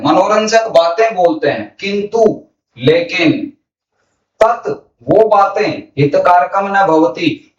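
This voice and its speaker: Male Sanskrit tutor, high voice, repeats phrase then gloss; echoey, lo-fi room. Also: far from the mic. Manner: reads a Sanskrit phrase, then explains it in Hindi, repeating for emphasis. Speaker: Sanskrit teacher. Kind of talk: explaining a textbook lesson line by line. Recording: roomy, off-mic, dull lo-fi sound.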